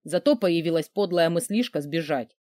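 A man narrating a novel in first person, sardonic and gruff. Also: fairly high pitch, normal speed, darkish tone, no echo, clean studio sound. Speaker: audiobook narrator.

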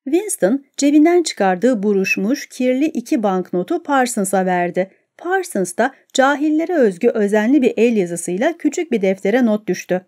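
A woman narrating an audiobook with a mellow, somewhat high voice. Her telling is measured and even, steady through long passages. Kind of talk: scripted narration.

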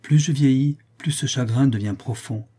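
A man's voice: medium pitch, normal speed, warm tone, husky, lightly acted. A man voicing a grieving, melancholy prince in an audiobook reading, speaking solemnly and sorrowfully. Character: grieving middle-aged prince, noble and melancholy.

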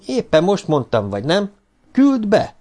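A man's voice: fairly high pitch, expressive, dark tone, voice pushed up. A man voicing an aging male institute head who talks in dismissive, clipped questions, in a Hungarian audiobook reading. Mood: curt.

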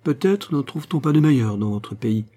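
A man's voice: animated, fairly quick, warm tone, close to an everyday voice. A man reading a novel aloud, voicing a scheming, sneering woman in a raised, mocking tone. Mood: scornful. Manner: sneering, mocking, shrill outbursts.

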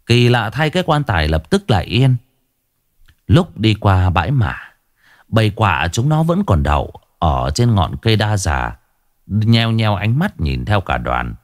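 A man narrating a ghost story in a dramatic, expressive reading. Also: on the low side, unhurried, dry recording, studio quality.

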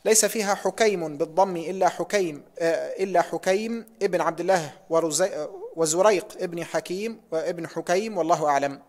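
A man's voice: a little high, a little fast, darkish tone. A man reading a hadith text aloud in a lesson, careful and precise, closing sections with pious formulas.

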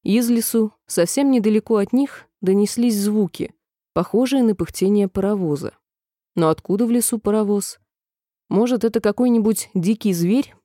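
A woman reads a children's storybook aloud with gentle, expressive storytelling. Her voice is mellow and soft-edged at a middle pitch. The recording is close and dry. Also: moderate pace, no echo. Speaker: narrator. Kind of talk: storybook narration.

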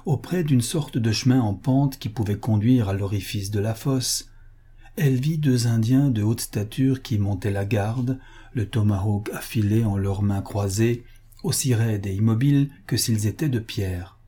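A man narrating an adventure novel aloud in a steady, measured storytelling manner. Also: fairly low pitch, husky. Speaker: reader. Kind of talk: audiobook narration.

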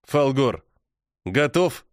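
A man voicing a stern, powerful older prince and sorrowful father who talks gravely in an audiobook. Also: mid-range voice, very animated, very slow, no room sound, studio quality. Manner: grave, heavy, sighing.

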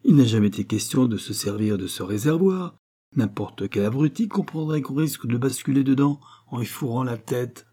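Man doing a coarse rural woman, exasperated, raised pitch, husky, audiobook. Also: moderate pace, mellow, natural voice. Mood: indignant. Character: agitated countrywoman, farmer's niece.

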